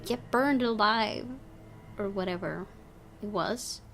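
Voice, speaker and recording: A young woman with a mid-range voice and a slow pace does let's-play commentary on a visual novel. The gaming YouTuber gets emotional, reacting loudly and talking to herself as she plays, with the game's music running behind her.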